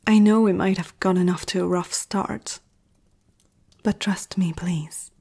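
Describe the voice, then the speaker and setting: Speaking in a breathy half-whisper, this woman plays a seductive, poised vampire aristocrat of ancient power for an ASMR roleplay. The delivery is intimate, her pitch medium and her tone warm, with a soft, sincere feel.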